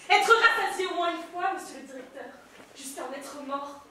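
A woman's voice: high voice, normal speed. A woman playing a despairing young male soldier back from the war, bitter and accusing on a stage. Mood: shouting. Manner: bitter, accusing, bursts into shouts. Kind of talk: stage play performance. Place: theatre stage. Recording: echoey hall, mic far off, faint noise.

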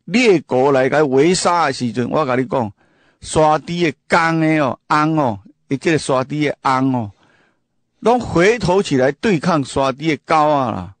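Telling stories in a relaxed monologue, this host, raised speaking Hakka, talks with emphasis at a moderate pace. His fairly high voice is animated and free of echo, and he keeps asking rhetorical questions while repeating and restarting phrases.

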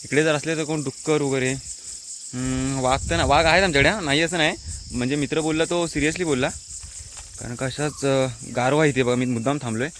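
A man's voice: mid-range voice, fairly even intonation, brisk, a bit bright, a little hiss or hum. A young man from the Konkan, chatting to viewers as he walks through the countryside with his phone camera. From Konkan, India. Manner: chatty, mixes English words, talks to viewers directly. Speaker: vlogger. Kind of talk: casual walking vlog narration. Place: outdoors in forest and fields.

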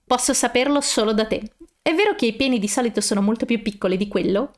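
A bold young woman with a taunting, mischievous edge, put on by a woman reading aloud. Her voice sits high and her teasing runs through every line of this audiobook scene. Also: quick pace, natural voice.

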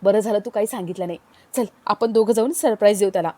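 A woman's voice: medium pitch, quick pace, warm tone, no echo, lightly acted. A woman voicing a friendly young woman coworker who chatters eagerly. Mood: chatty.

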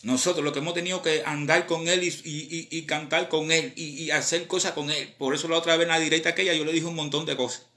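A man with a Cuban accent, a rapper chatting casually on a live stream in animated, slang-filled talk. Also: a little high, fast, hardly any pauses. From Cuba.

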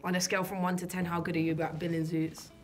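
A young woman talks at a rapid clip, blunt and teasing as she quizzes her dates. She apologises quickly when a joke lands badly. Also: lowish voice, little pitch movement, darkish tone, soft background music. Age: 20s. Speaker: dater on a speed dating show. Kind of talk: casual chat.

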